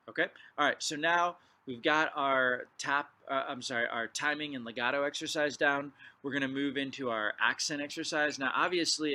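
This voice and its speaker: A man's voice: mid-range voice, slight background noise. A man teaching a drumline clinic, explaining exercises and calling count-offs before he plays. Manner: counts off loudly before playing. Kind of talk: percussion lesson.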